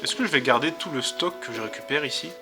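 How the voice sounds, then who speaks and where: A man's voice: medium pitch, quick pace, music in the background. A man commenting casually on his gameplay, muttering to himself and swearing, with a sore throat. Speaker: let's play host.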